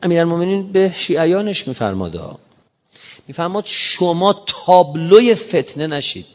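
A man giving an emphatic sermon in casual everyday speech, slowing down to recite scripture. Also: fairly high pitch, lively intonation. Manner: emphatic, quotes scripture in slow measured recitation; colloquial, explains modern slang. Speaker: preacher. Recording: muffled reverberant hall recording.

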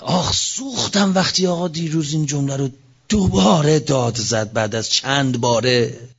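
A man preaching a fervent sermon. His voice rises and falls sharply, and he recites scripture verses slowly. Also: vocal fry, breathy edge. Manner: fervent, with sudden rises and drops in pitch. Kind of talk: impassioned sermon. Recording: dull lo-fi recording.

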